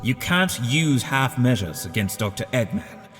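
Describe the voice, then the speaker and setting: Pompous scheming cartoon villain doctor, mid-pitched, hugely animated and condescending, over clear music. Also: male voice, a little slow. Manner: pompous, theatrical, articulate. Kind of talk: comic dub voice acting. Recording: music behind the voice.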